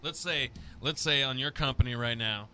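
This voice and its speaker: A male interviewer with a very bright, sharp tone fires joking, prodding questions in a casual chat. Faint noise sits in the background. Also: mid-range voice, moderate pace.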